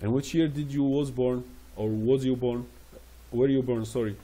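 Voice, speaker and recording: Husky dark-voiced guy teaching french phrases, says each one over and over real slow. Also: mid-range voice, steady tone. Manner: explains French phrases in English, repeating each slowly. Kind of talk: classroom phrase lesson.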